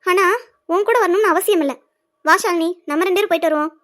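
A resentful young woman in a cartoon serial, very high and thin in tone. She talks in a cutting, scornful way. Every remark has an edge. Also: quick pace, fairly bright tone.

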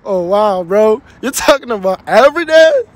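A man's voice: high-pitched, lively intonation, moderate pace. A man asking strangers cheeky questions on a city street, laughing and teasing as he goes. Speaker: street interviewer. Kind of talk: casual street interview.

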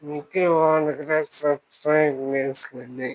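A sulking man answers only when pushed. He speaks in a low-energy, unwilling way, and his replies come from a step away from the phone camera. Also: flat delivery, rough recording. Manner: sulky, quiet, slow, reluctant replies. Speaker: pranked friend.

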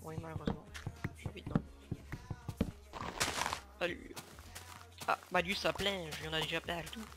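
A young man with a northern French accent casually commentating his gameplay, chatty and self-mocking, with sudden bursts of excitement. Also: on the high side, moderate pace, long pauses. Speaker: gamer commentating his play. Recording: home mic with loud game music behind.

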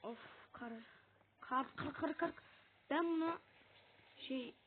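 A woman streaming a game, talking to the screen, yelling at teammates and chatting with viewers. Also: high voice, takes it slowly. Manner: talks to the screen, shouts at teammates, chats with viewers. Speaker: gaming streamer. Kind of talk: casual gameplay commentary. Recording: tinny lo-fi mic with faint noise.

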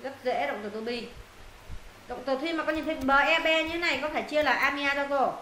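A woman teaching an English lesson to her students, walking them through answers and firing quick questions to check they follow. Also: high-pitched, bright, forceful tone. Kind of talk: classroom lesson explaining answers. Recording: roomy echo, faint noise.

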